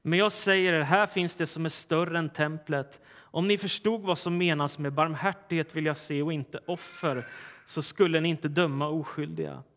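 A male pastor delivering a sermon, moving from a lively told joke into a measured scripture reading. His voice sits a little high for a man. The sound carries a long reverb, as in a church hall. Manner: storytelling, animated in punchlines.

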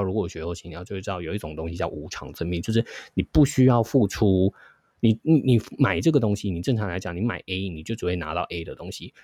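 A man with a Taiwanese Mandarin accent tells a workplace story in his low voice at a quick clip. He slips into the voices of the people he quotes as he goes. The sound is dry and close, with no room echo. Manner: animated storytelling, acts out quoted dialogue. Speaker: podcast host. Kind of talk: storytelling chat.

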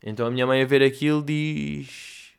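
A man with a European Portuguese accent hosting a casual solo podcast. He tells anecdotes in a loose, rambling, chatty style full of slang fillers, at an ordinary middle pitch. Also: fairly even intonation, normal speed, gravelly, clear, resonant tone. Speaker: podcast host. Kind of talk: casual storytelling monologue.

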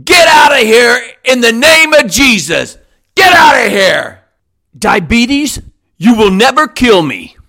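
High-voiced man shouting a healing prayer. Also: sing-song, slow pace, vocal fry. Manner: commanding, forceful, repetitive declarations.

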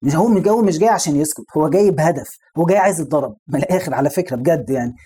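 Here a man preaches Islam in a storytelling, conversational style, asking the listener rhetorical questions in an Egyptian Arabic accent. His delivery races along in a high-leaning voice that is dark with a breathy edge.

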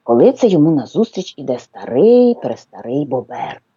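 Expressive woman reading a children's tale. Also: sits low, normal speed, breathy edge, no room sound, muffled recording. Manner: expressive storyteller. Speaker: children's book reader, guest. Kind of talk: reading a children's story aloud.

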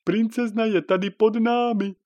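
A man's voice: sits high, fairly even intonation, darkish tone, no room sound, highs cut off, voice pushed up, lightly acted. A man voicing a good-natured male cloud in a children's story, dreamy and eager.

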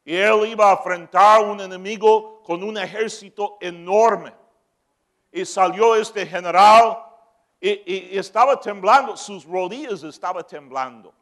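Pastor guy with a high voice preaching, gets loud then jokes around. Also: measured pace. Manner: preaching with shouted peaks and joking asides. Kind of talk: sermon.

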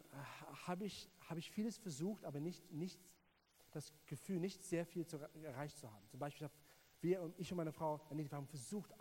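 Preaching a sermon, a South African man with a native South African English accent speaks earnestly and hesitantly, often repeating words and addressing the listener head-on. His voice is slightly high with a darkish tone.

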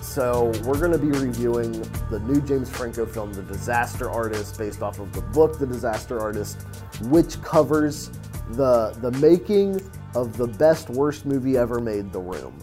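A relaxed male radio host with a mid-range voice, talking casually about movies. His phrase ends trail off quietly. Faint music runs underneath. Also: medium pitch, moderate pace. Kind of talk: casual chat.

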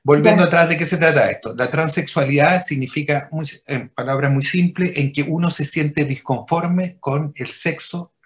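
A man's voice: fairly high pitch, normal speed, hardly any pauses. A Chilean man, a physician, explaining his work patiently over a video call and often checking in with his listener. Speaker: physician interviewed as a guest.

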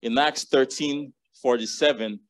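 A man's voice: mid-range voice, unhurried. Guy preaching at church, earnest, reads out verses, dry sound no echo. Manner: earnest preaching, reading and repeating scripture verses. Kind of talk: sermon.

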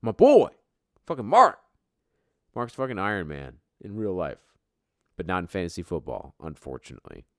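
A man's voice: deep voice, sing-song, normal speed, pauses often, no room sound, studio quality. A man hosting an informal fantasy sports top ten countdown show, with profane, bro-style trash talk. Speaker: fantasy football league show host.

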